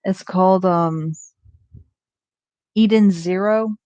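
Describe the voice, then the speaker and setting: A woman's voice: lowish voice, slow, dark tone, clean tone, no echo, highs cut off. A young woman in casual, rambling chat, full of ums and restarts, with the odd curse thrown in. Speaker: vlogger.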